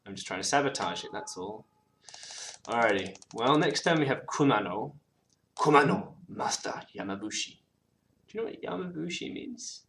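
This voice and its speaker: A man co-hosts an online card game and chats his way through it as casual gameplay commentary, restarting words and murmuring card names. His mid-range voice is very animated and fairly bright, at a normal speed. Faint background noise is present.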